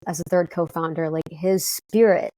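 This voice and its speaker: Woman guest, lowish voice, dry close sound, chatty and upbeat. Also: fairly even intonation, dark tone, no echo. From Detroit, United States. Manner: upbeat, fast-talking, frequent fillers and restarts. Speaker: guest, company co-founder. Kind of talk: conversational interview.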